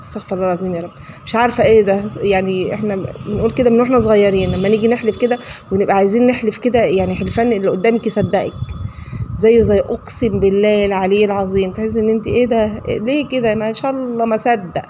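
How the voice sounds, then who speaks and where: Rapid-talking Egyptian woman vlogging at home. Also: medium pitch, mellow, slight background noise. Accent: Egyptian Arabic. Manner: chatty, rambling, self-deprecating, frequent prayers. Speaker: vlogger, housewife. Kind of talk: casual home cooking vlog. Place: home kitchen.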